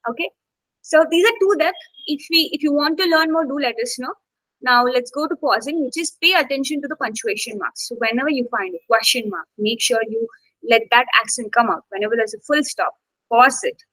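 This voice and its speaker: A woman with a high, bright voice leads a live online English lesson. She keeps asking "okay?" and urges her students to answer. The sound is dry and close on a computer mic. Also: a little fast, no echo, rough recording. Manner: checks in constantly with "okay?" and coaxes students to speak. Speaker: English exam instructor. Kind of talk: live online class teaching.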